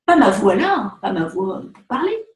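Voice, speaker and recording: A woman's voice: medium pitch, normal speed. Chatty woman vlogging in an echoey room. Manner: chatty, animated, direct address with many fillers. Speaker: vlogger, photographer. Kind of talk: casual chat to camera.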